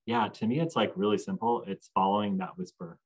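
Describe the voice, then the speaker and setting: A man with a somewhat low voice speaks as a podcast guest. He talks reflectively and grows animated when he tells stories. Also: a little fast, husky, rough recording. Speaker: guest, entrepreneur. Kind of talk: podcast interview.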